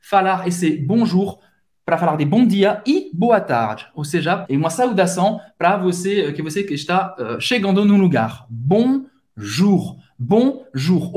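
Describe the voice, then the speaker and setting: French guy with a french accent, teaching on a podcast, voice jumps up and down a lot, says words over slowly. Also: high voice, a little mellow. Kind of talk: podcast language lesson.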